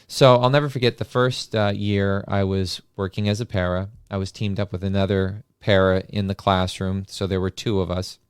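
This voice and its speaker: A low-pitched man tells a story in a casual, animated way, full of hesitations and fillers. His voice is smooth and resonant. It is recorded close and dry, with no room sound. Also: normal speed, few pauses, no echo. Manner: animated anecdote-telling with many filler sounds. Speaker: podcast host and classroom paraprofessional.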